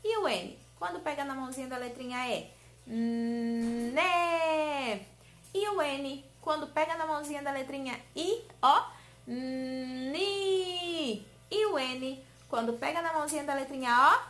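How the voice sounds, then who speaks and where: A woman teacher giving a lesson to small children, in a sing-song way, stretching key words slowly and coaxing answers with questions. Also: high-pitched, pushed and bright. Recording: roomy echo.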